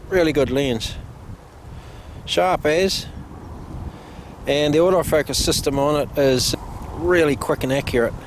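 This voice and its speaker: A middle-aged man, explaining camera settings in a relaxed, plain-spoken way, recorded outdoors on a camera mic. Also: a little high, a little slow, pauses often. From New Zealand. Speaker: photographer vlogger. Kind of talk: casual vlog narration. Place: outdoors by a lake and canals, windy. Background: wind noise.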